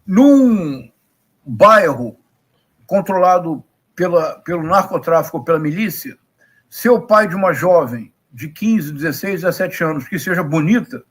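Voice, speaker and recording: A middle-aged man with a Rio de Janeiro Brazilian accent gives live political commentary in an emphatic, didactic way, leaning on repetition and rhetorical questions. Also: sits high. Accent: Rio de Janeiro Brazilian Portuguese.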